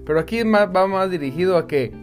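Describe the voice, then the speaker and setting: A Bible teacher, giving devotional teaching in an animated, conversational and emphatic way. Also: medium pitch, quick pace, faint music behind.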